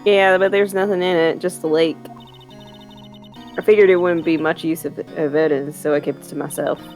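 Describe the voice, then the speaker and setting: A woman's voice: deep voice, steady tone, normal speed, a little mellow, faint music behind, poor audio. A woman voicing a chatty, folksy woman photographer in an amateur game dub. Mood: folksy, matter-of-fact. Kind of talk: amateur video game dubbing.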